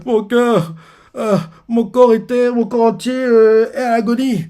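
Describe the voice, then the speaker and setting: A man's voice: extremely high pitch, flat delivery, unhurried, warm tone, voice pushed up. A man doing a frantic teenage boy in agony. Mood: pained, frantic. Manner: pained, crying out.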